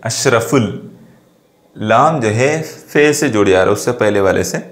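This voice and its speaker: A man's voice: fairly low pitch, animated, moderate pace. A man teaching a grammar lesson, who asks his students questions, answers them himself and repeats the key points. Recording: echoey room.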